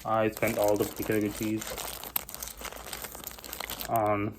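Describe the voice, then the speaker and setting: Lowish voiced guy vlogging while sick, easygoing rambly chat, bit of hiss behind. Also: completely flat delivery, slow. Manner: laid-back, rambling. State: sick, slightly husky. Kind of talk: casual vlog chat. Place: walking outdoors and at home.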